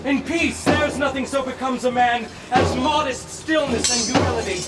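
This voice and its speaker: A man playing a fierce warrior king, exhorting his troops in forceful Shakespearean olde speech on stage. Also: very high voice, steady tone, normal speed. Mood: rousing, fierce. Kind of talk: declaimed olde-speech Shakespearean stage oratory at a Renaissance fair. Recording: distant stage recording under loud music.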